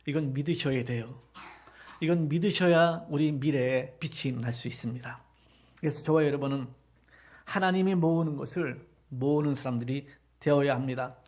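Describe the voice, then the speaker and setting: High-voiced Korean pastor preaching. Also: male voice, normal speed. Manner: impassioned preaching that builds from soft reflection to loud exhortation; rhetorical questions to the congregation. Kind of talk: sermon. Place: church sanctuary during a live service.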